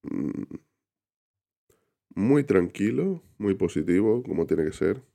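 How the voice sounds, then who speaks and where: Slow and warm with vocal fry, this deep-voiced man swings widely in pitch as he hosts a laid-back live stream. Still recovering from being sick, he rambles, keeps restarting, and greets chat viewers by name.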